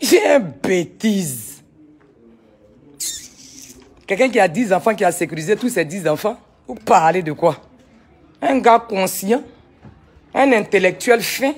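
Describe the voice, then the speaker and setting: A woman, vlogging casually from a sunny village outdoors on a handheld phone, animated and talkative, firing back at critics. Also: medium pitch, a little slow, long pauses, husky. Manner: animated, chatty, retorts to critics. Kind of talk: casual vlog tour.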